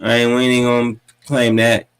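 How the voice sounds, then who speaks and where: Man, podcast host, sassy gossip commentary, dramatic, mid-pitched voice. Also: completely flat delivery, moderate pace, clear, resonant tone, low-quality recording. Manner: sassy, dramatic, jumps into high mocking voices.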